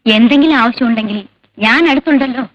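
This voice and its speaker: An actress playing a caring aunt who soothes a crying child and calmly discusses the patient. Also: female voice, on the high side, quick pace, no echo, highs cut off, natural voice. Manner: soothing and coaxing toward the child.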